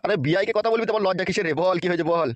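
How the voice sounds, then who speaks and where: A woman's voice: lowish voice, rapid-fire, dry recording, pitched below the performer's own voice, close to an everyday voice. A woman doing a brusque cartoon man. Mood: impatient. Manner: brusque, impatient. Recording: dull lo-fi with music behind.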